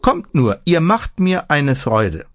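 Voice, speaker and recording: A man's voice: on the high side, sing-song, takes it slowly, dry recording, studio quality. A man voicing a plump old village woman who pants and chatters eagerly as she invites guests in. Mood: eager welcoming. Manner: breathless, eager, pious chatter.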